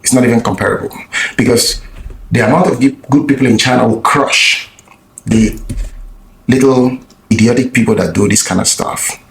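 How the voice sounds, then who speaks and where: A man's voice: medium pitch, moderate pace, pauses often, roomy sound, low-quality recording. A man vlogging, telling a story in a blunt, profane way with lots of restarts. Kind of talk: casual storytelling monologue.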